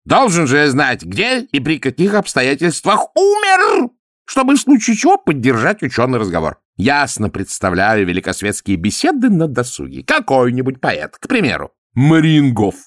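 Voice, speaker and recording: A man's voice: mid-range voice, wildly swooping pitch, moderate pace, a bit bright, no echo, clean studio sound, pitched above the performer's own voice. A man voicing a brash, mocking former cavalry officer in an audiobook. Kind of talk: audiobook character voice.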